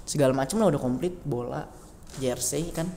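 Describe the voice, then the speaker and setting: A man's voice: on the high side, moderate pace, creaky. A young man, a school alumnus telling his story as a podcast guest and acting out the people he quotes. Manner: animated storyteller who acts out quotes. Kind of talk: casual podcast chat. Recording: reverberant room with faint noise.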